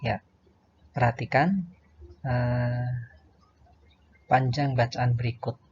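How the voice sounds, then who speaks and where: A man teaching young children to recite verses, chanting each line slowly and then explaining the pronunciation patiently. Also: mid-range voice, level tone, darkish tone, muffled recording, slight background noise. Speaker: primary school religion teacher. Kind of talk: slow recitation lesson for children.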